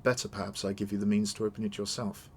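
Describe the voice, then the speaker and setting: A man voicing a courteous older nobleman in a video game, measured and formal. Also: on the low side, level tone, darkish tone, a little hiss or hum, natural voice. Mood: businesslike. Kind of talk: read-aloud of video game dialogue.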